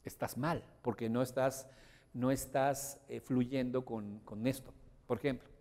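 A man leading a motivational seminar, emphatic and often asking his audience whether he is being clear. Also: mid-range voice, steady tone, unhurried, a little mellow. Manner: emphatic, checks understanding with rhetorical questions. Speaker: motivational course instructor. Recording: long hall reverb.

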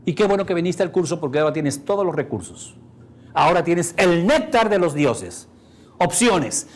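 A man's voice: on the high side, moderate pace. A man with a Mexican accent giving a motivational course, telling stories and often asking the audience whether they follow him. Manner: animated, storytelling, asks the audience questions. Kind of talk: motivational seminar talk.

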